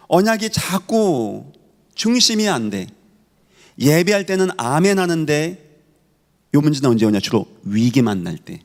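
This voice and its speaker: A man's voice: mid-range voice, darkish tone. Man preaching in a reverberant church. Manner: emphatic preaching with rhetorical questions. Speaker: pastor. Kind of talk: sermon. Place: church sanctuary.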